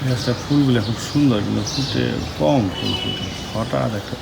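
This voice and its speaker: A man's voice: brisk, gravelly. Man vlogging, noisy street behind. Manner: shows plants in a low voice, then coaxes sleeping children loudly and repeatedly. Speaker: vlogger and father. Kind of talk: casual home vlog. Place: home balcony garden and bedroom. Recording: street and bird noise behind.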